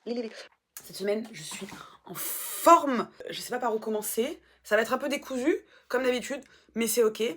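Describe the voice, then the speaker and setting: A woman vlogger in casual chat, animated and self-mocking, swearing now and then. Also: fairly high pitch, normal speed.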